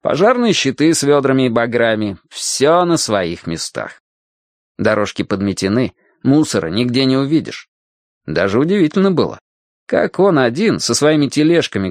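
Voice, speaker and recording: A man narrating a storybook in an expressive storytelling manner. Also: medium pitch, moderate pace, dry recording, studio quality. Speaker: audiobook narrator.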